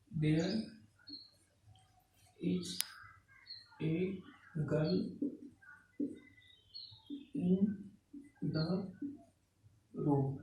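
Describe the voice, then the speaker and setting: Male grammar teacher, high voice, slow word-by-word dictation, heavy room echo. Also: a little mellow, far from the mic. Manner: slow and repetitive, says "ठीक है" constantly and dictates example sentences word by word. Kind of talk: classroom-style grammar lesson. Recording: very echoey room, voice from off-mic, faint noise.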